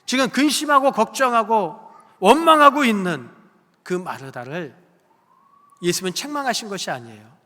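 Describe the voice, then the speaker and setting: A man's voice: sits high, very animated, moderate pace, pushed and bright. A male pastor preaching a sermon with emphasis, putting questions to the congregation. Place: church sanctuary. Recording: long church hall reverb.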